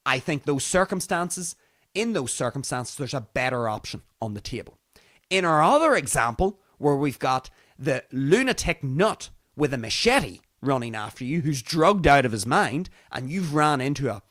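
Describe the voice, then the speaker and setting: A man with a Northern Irish accent talks casually to his livestream audience as host. His voice sits fairly high and swings widely in pitch. He is theatrical, repeating phrases for emphasis, and the sound is close and dry. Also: fairly bright tone, no echo. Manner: theatrical, emphatic repetition for effect. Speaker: livestream talk show host. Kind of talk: casual monologue to live stream audience.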